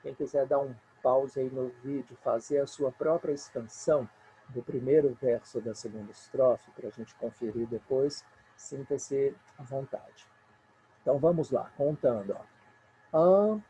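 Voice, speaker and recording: A man's voice: medium pitch, measured pace, dark tone, slight background noise, low-quality recording. A man with a Brazilian Portuguese accent teaching a recorded remote lesson, patiently counting poetic syllables aloud.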